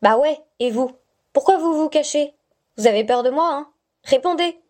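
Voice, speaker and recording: A high-pitched little girl with a mellow, dark tone, as a woman reader puts her on. She talks back with childish, stubborn defiance. A figure from a read-aloud bedtime story. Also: normal speed, close to an everyday voice. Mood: defiant.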